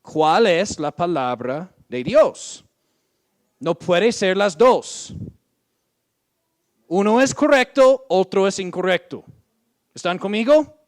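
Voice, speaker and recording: A pastor with a high, animated voice preaches a sermon, slowly and deliberately reading Bible verses aloud and drawing out the quotes. He frequently checks in with "¿ok?".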